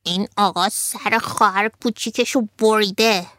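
A woman voicing an excited little boy on a train, asking eager childlike questions. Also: mid-range voice, dry recording, studio quality, lightly acted.

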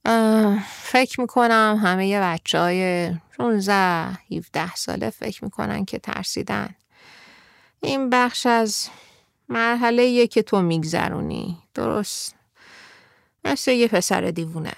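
A woman voicing a weary grown man who talks in a dry, mildly patronizing way, with a gravelly tone in a dry room. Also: mid-range voice, no echo, lightly acted. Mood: wry. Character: weary grown man, older than the girl.

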